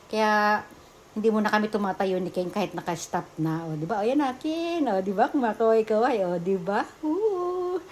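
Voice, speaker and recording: A middle-aged woman with a Filipino accent, narrating her family vlog in a chatty, laughing voice-over recorded at night in a quiet room. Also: medium pitch, brisk, a little hiss or hum. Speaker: vlogger.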